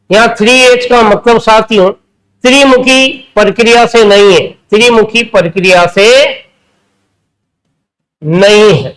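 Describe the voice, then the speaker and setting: Slow, high-voiced Hindi exam tutor. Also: male voice, a bit bright, rough recording. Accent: Rajasthani Hindi. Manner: drills answers with repeated rhetorical questions; slows down to spell out key terms. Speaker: teacher. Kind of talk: exam-prep lecture.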